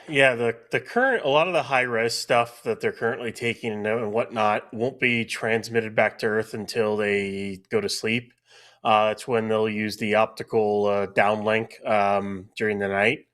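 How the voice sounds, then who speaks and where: A man's voice: on the low side, steady tone, unhurried, a bit bright. A man co-hosting a livestream, explaining things casually and off the cuff. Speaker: livestream co-host, commentator. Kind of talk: casual explanatory live commentary.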